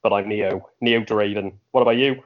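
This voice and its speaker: A man's voice: on the low side, fairly even intonation, normal speed. A man with a Welsh accent co-hosting a casual podcast, easygoing and dry-humoured, speaking from his bedroom. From Wales. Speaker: podcast co-host. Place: bedroom at home. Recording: dull lo-fi home recording.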